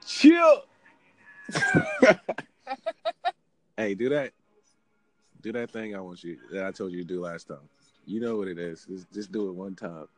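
A man, hosting a casual call in a relaxed, teasing, slangy way. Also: low-pitched, a little fast, no room sound, faint music behind. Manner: laid-back, teasing, slangy. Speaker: radio-style host. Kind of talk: casual phone call banter.

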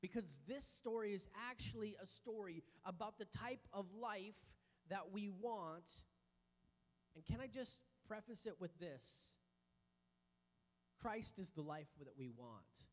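A man's voice: sits high, expressive, measured pace. A man preaching a sermon in an informal, conversational way, speaking directly to his congregation in a large hall. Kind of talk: sermon to a congregation with children, with call-and-response. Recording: long hall reverb.

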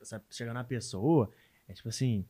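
A man's voice: mid-range voice, fairly quick, dark tone. A young man in his early twenties from Minas Gerais, with a Mineiro accent, chatting casually as a guest and often adding 'entendeu?'. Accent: Mineiro Brazilian Portuguese. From Minas Gerais, Brazil. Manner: chatty, tags lines with 'entendeu?'. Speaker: guest content creator. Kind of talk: casual interview chat.

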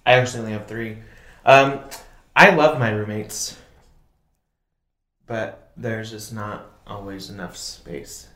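A man co-hosting a podcast, chatting casually with quick reactions and teasing jokes. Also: lowish voice, fairly bright tone. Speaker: podcast co-host. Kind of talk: casual chat. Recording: roomy echo.

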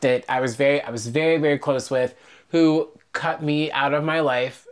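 Animated man telling stories. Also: a little high, smooth. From Pittsburgh, Pennsylvania. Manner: animated, self-interrupting, quick restarts. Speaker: singer and vocal instructor, podcast guest. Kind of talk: casual conversational storytelling.

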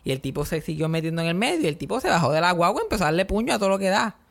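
A man with a Puerto Rican accent telling funny stories in casual podcast chat. He is animated and jokes a lot. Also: sits high, very fast, gravelly. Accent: Puerto Rican Spanish. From Puerto Rico. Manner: animated, joking, acts out quotes.

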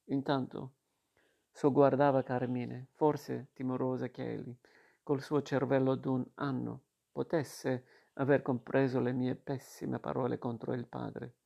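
A man reading a novel aloud in a slow, steady literary manner. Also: mid-range voice, gravelly. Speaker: reader. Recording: dull lo-fi recording.

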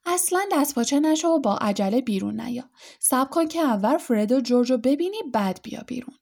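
A doting, worried witch mother fusses over everyone in a storybook reading, as a woman reader puts her on. Her voice sits a little higher than usual, with a soft mellow tone. She gives orders and frets in the same breath. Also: expressive, vocal fry, heavily acted. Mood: fussing, worried. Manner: anxious, doting, bossy. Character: fussing motherly middle-aged witch.

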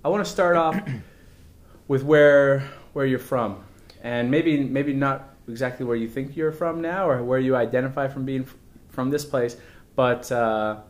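A man's voice: medium pitch, unhurried. Easygoing male podcast host. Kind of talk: casual interview.

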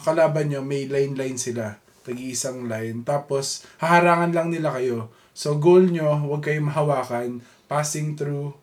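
A young man from the Philippines talks through a childhood game with friends in a loose, chatty way, switching into English phrases now and then. His voice sits a little high for a man. It sounds like easygoing podcast banter. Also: moderate pace. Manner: chatty, mixes in English, addresses friends as bro. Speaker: podcast co-host. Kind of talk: casual chat.

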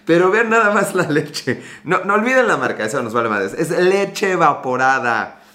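This livestream host is a man with a Mexican Spanish accent and a slightly sore throat, speaking at normal speed in a slightly high, bright, forceful voice that swings widely in pitch. Chatty and joking, he calls out viewers by name and drifts into digressions, and the room echoes around him.

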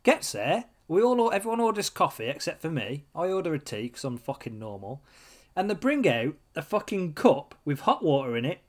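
A man's voice: a little high, sing-song, moderate pace. A young man in casual chat, ranting with lots of swearing and laughter. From Britain.

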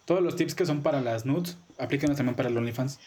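Deep-voiced Mexican woman, rapid slangy chat. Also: warm tone. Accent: Mexican Spanish. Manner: fast, crude slang. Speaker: podcast co-host. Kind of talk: casual chat.

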